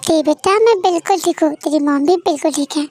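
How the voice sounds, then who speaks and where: A woman's voice: sits high, a little fast, a little mellow, close to an everyday voice. A woman voicing a doting, emotional middle-aged father who frets over his daughter in an amateur fan audio drama. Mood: fretful. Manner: fretful, emotional.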